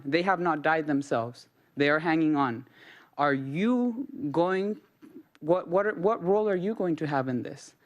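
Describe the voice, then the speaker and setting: A public commenter making an impassioned plea to a city council. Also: mid-range voice.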